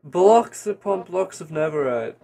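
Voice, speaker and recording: Man putting on an unhinged, creaky evil villain. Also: high voice, lively intonation, unhurried, dark tone, faint music behind, exaggerated voice. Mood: gloating, sinister. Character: evil otherworldly villain granting costly powers. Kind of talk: improvised game role-play.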